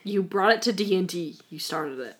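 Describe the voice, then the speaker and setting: A woman hosting a podcast from home in casual chat, blunt, bossy and quick to swear. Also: mid-range voice, big pitch swings. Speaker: podcast host.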